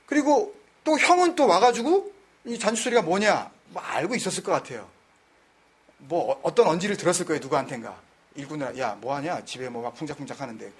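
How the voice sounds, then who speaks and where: High-voiced husky man teaching scripture. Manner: keeps quizzing his listeners; conversational, mixes in English words. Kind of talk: Bible study teaching.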